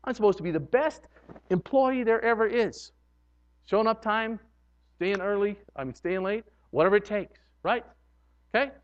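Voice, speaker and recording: High-voiced man preaching animatedly. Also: normal speed, highs cut off. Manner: animated, acts out imagined churchgoers. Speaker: pastor. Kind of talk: sermon.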